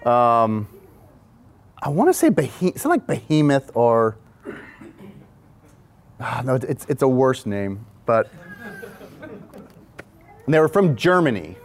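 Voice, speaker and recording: A man's voice: medium pitch, big pitch swings, takes it slowly, pauses often. A man, a film director, casually telling an anecdote in a rambling way with frequent restarts. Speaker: music video and film director, guest.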